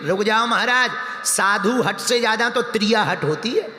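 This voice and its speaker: A man's voice: high-pitched, moderate pace, pushed and bright. A man voicing a protective, stubborn village mother in a devotional story, firm and fussing. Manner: firm, then soothing and fretful. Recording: echoey hall with music.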